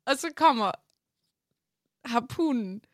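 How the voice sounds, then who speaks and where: A woman's voice: fairly high pitch, animated, no room sound, clean studio sound. A woman in her thirties, a podcast co-host, telling funny stories in casual chat and laughing often.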